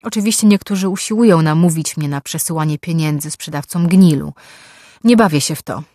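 A man's voice: on the high side, fairly quick, mellow, no echo, studio quality, lightly acted. A woman voicing a sly, chatty older male pawnshop owner who talks in a slightly raised, boastful way.

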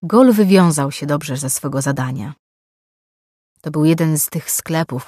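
A woman reading a fantasy audiobook in a calm, measured way. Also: low-pitched, no echo, clean studio sound. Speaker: audiobook narrator. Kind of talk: scripted audiobook narration.

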